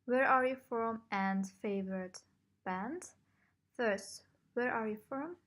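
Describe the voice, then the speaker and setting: In a casual vlog Q&A, a young woman from the Netherlands responds to viewers' questions with a slow, slightly high and somewhat bright voice. She sounds unsure and self-conscious as she talks to the camera.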